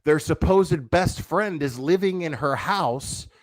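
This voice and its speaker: This online commentator has a fairly high, animated voice, speaking slowly on a livestream as he rants in a blunt, profane, confrontational manner. He repeats things for emphasis and poses rhetorical questions. The recording is dry.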